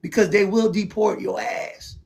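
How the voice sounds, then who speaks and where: A man's voice: high voice, steady tone, a little slow, gravelly, darkish tone. A man from South Florida, hosting a heated debate on a stream and talking in an emphatic, preachy way. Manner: emphatic and preachy, repeats "see what I'm saying". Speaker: show host.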